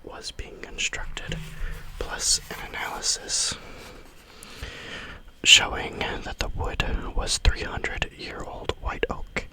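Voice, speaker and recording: A man narrates scary stories in a breathy ASMR whisper with no voice behind it. The delivery is very slow and deliberate, and the whisper has a bright, crisp edge. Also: poor audio. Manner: slow, deliberate read-aloud phrasing.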